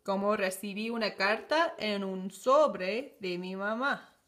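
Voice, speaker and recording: Slow, deliberate woman teaching phonics. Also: mid-range voice, a bit bright. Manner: slow, deliberate, sounding out syllables.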